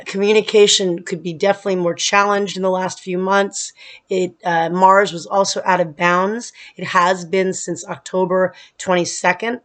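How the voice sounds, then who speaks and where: A woman astrologer talking casually to her viewers, explaining planetary events while she is losing her voice and stumbles a little now and then. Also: lowish voice. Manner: explanatory, with some restarts and filler. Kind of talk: casual astrology talk to camera. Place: humid place.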